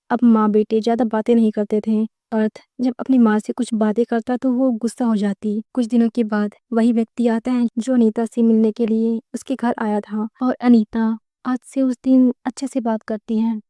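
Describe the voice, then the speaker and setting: A woman narrating a story for an audiobook, reading in a plain, steady way. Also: a little high, no echo, studio quality.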